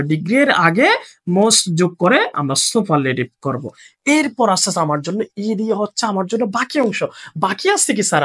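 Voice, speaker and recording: Exam tutor; breathy, husky tone, very animated intonation, call-and-response teaching. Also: medium pitch. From Bangladesh. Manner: asks questions and answers them himself. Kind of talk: exam-prep grammar lesson.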